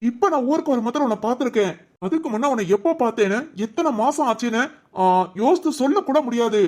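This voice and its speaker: A woman's voice: a little high, animated, fast talker, darkish tone. A woman voicing an earnest young groom, firm and pleading. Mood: exasperated. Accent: southern Tamil Nadu. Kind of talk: cartoon voice acting.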